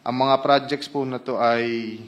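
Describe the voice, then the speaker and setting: A man's voice: mid-range voice, steady tone, normal speed, highs cut off. A man with a Filipino accent giving formal testimony as a witness, reading out a statement that mixes Tagalog and English.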